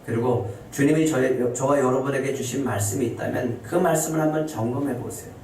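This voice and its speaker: A male pastor preaching a sermon to his congregation. He asks them questions and answers them himself, and his voice climbs high and emphatic when he voices scripture. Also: fairly even intonation, brisk, darkish tone. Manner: rising to high emphatic pitch when voicing scripture quotes. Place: church sanctuary. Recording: very echoey, distant, faint hiss.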